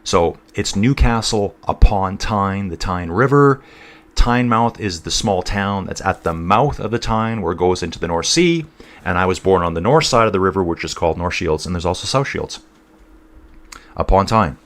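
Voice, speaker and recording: A man's voice: low-pitched, lively intonation, normal speed, fairly bright tone. A man from North East England hosting a casual cycling livestream, rambling between race commentary and reading out viewer chat, calling everyone dude and guys.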